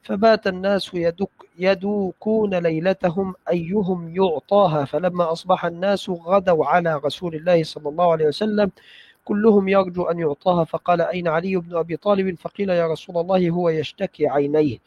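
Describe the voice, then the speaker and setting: Man reciting classical texts, slightly high. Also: fairly even intonation, a little mellow, no echo, lo-fi sound. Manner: measured, careful recitation with brief checks of the text. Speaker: student reading hadith texts aloud. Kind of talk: classical text recitation in a study session.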